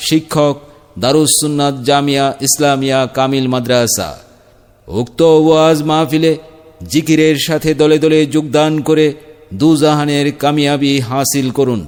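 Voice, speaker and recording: A man reading a formal event announcement as if over a public loudspeaker, in a measured public-address delivery. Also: on the high side, clean tone. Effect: announcement sounding through a loudspeaker with long reverb.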